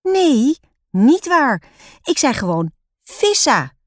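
A stubborn, playful schoolgirl who talks in a bright, lilting voice, as a woman puts her on. She is lifted well above the reader's own low register. The storybook reading is close and dry. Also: sing-song, moderate pace, no echo.

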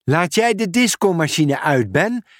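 Guy doing a friendly eager postman from a kids' story, slow and bouncy, dry close mic. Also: fairly high pitch, big pitch swings, no echo, voice pushed up. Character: cheerful, dutiful male postman.

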